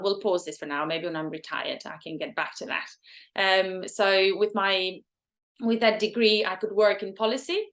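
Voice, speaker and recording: A woman's voice: lowish voice, fairly bright tone. A woman in her forties from Albania, a photographer talking as an interview guest, thoughtful and hesitant with many ums. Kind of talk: interview conversation.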